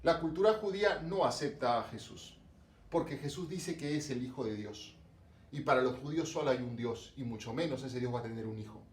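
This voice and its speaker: A man from coastal Lima, Peru, teaches a religion lesson online, his Peruvian Spanish accent framing many rhetorical questions and fillers. His mid-range voice moves briskly. The mic is distant, giving a roomy sound with slight background noise.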